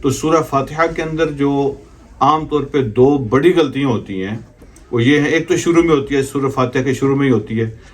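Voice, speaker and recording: A male religious teacher with a delivery, giving a patient lesson on recitation. He slows right down to sound out each Arabic phrase, repeating it several times in a mid-pitched, ordinary voice. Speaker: Islamic teacher.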